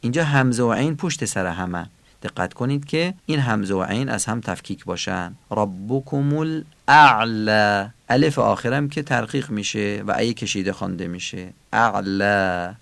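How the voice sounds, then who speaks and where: A man with a gravelly, creaky voice gives a calm Quran recitation lesson. He explains how each sound should be pronounced, then says the example words slowly and drawn out. His voice sounds close and dry. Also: on the low side, no room sound.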